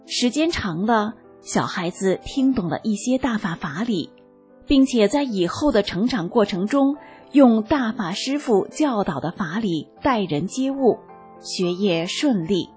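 A woman reading a first-person testimony aloud as scripted narration, in a slow, calm and even manner. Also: medium pitch. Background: faint background music.

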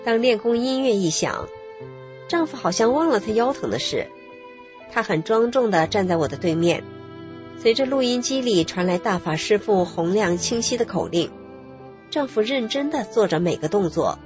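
A woman calmly narrating her own story in a measured, scripted radio reading. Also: medium pitch, over music.

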